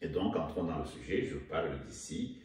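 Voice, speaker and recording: Older male guest author from Rwanda, deep voice, slow and halting delivery, recorded in an echoey room from a distance. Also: expressive, darkish tone. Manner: slow, hesitant, repeats words while searching. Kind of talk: conversational interview. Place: indoor room, seated in armchair. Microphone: far camera. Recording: echoey room, mic at a distance, faint noise.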